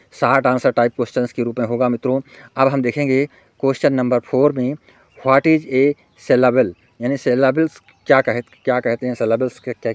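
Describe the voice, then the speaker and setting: A male teacher giving an exam-prep lecture in Hindi. He explains each point, slowly reads out English questions word by word, and keeps calling his listeners friends. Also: medium pitch, dry recording.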